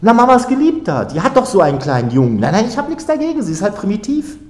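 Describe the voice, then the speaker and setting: A haughty young woman snaps back in short, scornful retorts, pitched well above the man who reads her. Her voice carries through a roomy hall at a live reading, and the delivery stays lively. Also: fast. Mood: mocking. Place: literature house reading hall.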